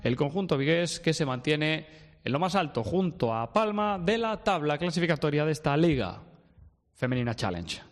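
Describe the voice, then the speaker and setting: A man's voice: fairly high pitch, very animated, moderate pace, in a large hall. A man hosting a sports news radio show, giving emphatic, outspoken opinions from the studio.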